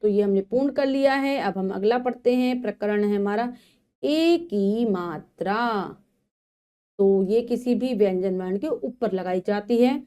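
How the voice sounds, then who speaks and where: A woman teaching young children to read, spelling words out letter by letter and then briskly explaining to the class. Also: mid-range voice, warm tone, clear, resonant tone. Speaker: primary school Hindi teacher. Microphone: voice-over for a video lecture.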